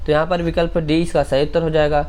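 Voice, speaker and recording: A man with a slightly raised voice runs through exam questions at a brisk clip. He explains each answer step by step and talks straight to his viewers. It sounds like a focused exam-prep lesson. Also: fairly high pitch, level tone, darkish tone. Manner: brisk, explanatory, addresses viewers directly as friends.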